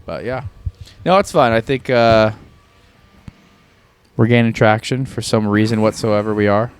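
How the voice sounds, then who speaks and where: A man co-hosting a casual podcast, playful and quick to laugh, often repeating the other host's words. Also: on the low side, clean tone. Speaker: podcast co-host.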